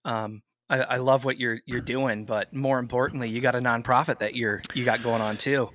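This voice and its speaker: A man hosting an interview, speaking softly and haltingly as he sets up a question. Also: medium pitch, fairly even intonation, dry recording, clean studio sound. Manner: soft, halting, repeats words. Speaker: interviewer host.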